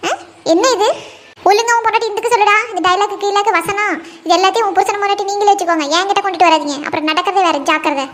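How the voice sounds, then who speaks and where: Woman playing a shrill, bossy cartoon mother-in-law. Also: fairly even intonation, very fast, a bit bright. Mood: scolding. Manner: scolding and taunting. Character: bossy, sharp-tongued older mother-in-law. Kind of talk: comic cartoon voice acting.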